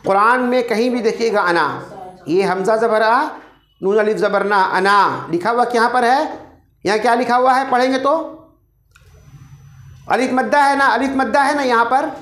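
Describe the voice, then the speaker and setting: A woman teaching an online Quran recitation class, patiently repeating each word slowly for her students to copy. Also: a little high, fairly bright tone, echoey room.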